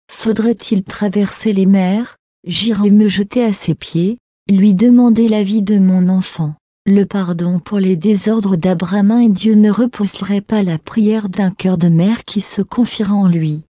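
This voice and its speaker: A woman's voice: mid-range voice, warm tone, no echo, studio quality, close to an everyday voice. A woman reading the part of a grieving desert mother, in an earnest, declamatory way. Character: grieving desert mother, proud then softening.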